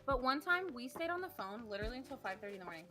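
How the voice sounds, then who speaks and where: A woman co-hosts a relaxed podcast stream and talks in a meandering, self-mocking way. Her pitch runs a little high and moves a lot. Game music plays clearly behind her. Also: racing. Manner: rambling, chatty, self-deprecating. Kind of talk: casual chat while playing a game.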